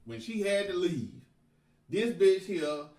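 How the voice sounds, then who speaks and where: A man's voice: high-pitched, takes it slowly, gravelly, distant mic. Profane man telling a story. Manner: profane, animated, laughs often. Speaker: podcast guest storyteller. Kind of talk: casual storytelling. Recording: echoey room, off-mic.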